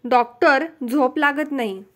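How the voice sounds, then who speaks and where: A woman's voice: sits high, measured pace, noisy background. A woman voicing an anxious, lovesick male patient in a joke, speaking in plaintive complaints.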